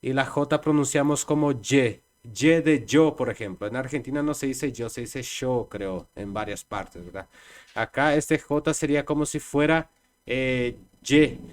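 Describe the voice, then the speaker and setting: Slow, patient male language teacher. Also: mid-range voice. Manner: patient, repeats letters and sounds aloud. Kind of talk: slow explanatory online lesson.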